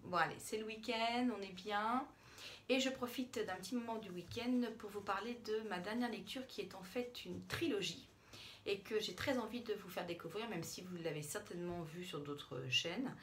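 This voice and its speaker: A woman at home by her bookshelf, chatting to a camera in a relaxed, rambling way about what she has read. She stops and restarts often, filling pauses with little hesitations. Her voice sits at an ordinary middle pitch, with a faint hiss of background noise. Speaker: book vlogger. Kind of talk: casual book review to camera. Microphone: camera in front, she steps back from it.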